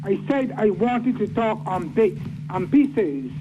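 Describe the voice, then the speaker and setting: A man calling in to a radio show, speaking in a formal, flowery, deliberate way. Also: high voice, big pitch swings, music in the background. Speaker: caller. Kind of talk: phoned-in radio comment. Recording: dull lo-fi phone line with noise.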